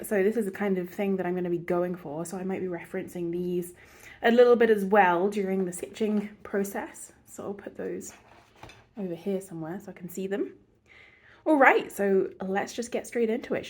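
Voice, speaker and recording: A woman's voice: medium pitch, normal speed. Congested woman chatting through a drawing tutorial. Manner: chatty, rambling, self-mocking. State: congested from a cold. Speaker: art channel host. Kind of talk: casual drawing and painting tutorial.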